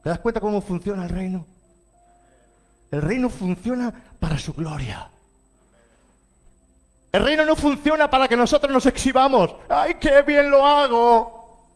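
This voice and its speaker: A middle-aged man with a Spain Spanish accent, preaching a sermon as pastor, fervent, with big swings in pitch and loudness. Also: lively intonation, moderate pace, pauses often, soft background music.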